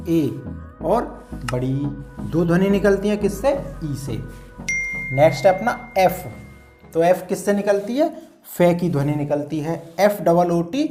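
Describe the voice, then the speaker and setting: A man with a Hindi accent teaching an English lesson step by step, often checking with "clear?". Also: sits high, darkish tone. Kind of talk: classroom-style lesson. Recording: echoey room.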